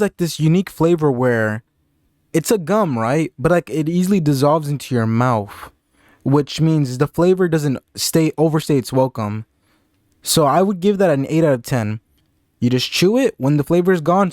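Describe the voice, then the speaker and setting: A man's voice: fairly high pitch, dry recording. Sarcastic young man reviewing candy. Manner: deadpan, sarcastic, jokey asides. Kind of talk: casual comedic review vlog.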